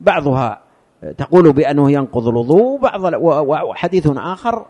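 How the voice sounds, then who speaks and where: A man teaching a religious lesson, explaining slowly and repeating key words for emphasis. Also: a little high, animated, dark tone, dull audio.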